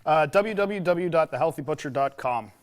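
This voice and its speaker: A man from a butcher shop, demonstrating a recipe on a TV cooking segment and giving relaxed, plain tips. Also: fairly high pitch, normal speed.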